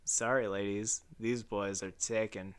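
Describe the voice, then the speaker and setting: A man's voice: fairly low pitch, fairly even intonation, measured pace, smooth. Man doing a wry raw script read. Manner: casual, wry, swears, restarts flubbed lines. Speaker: video essay creator.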